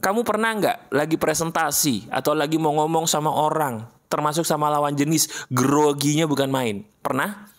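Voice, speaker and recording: Man giving a casual motivational talk. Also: a little high. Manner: casual, coaching tone, addresses listener directly; repeats phrases slowly for emphasis. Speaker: motivational speaker. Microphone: voice-over for an animated video.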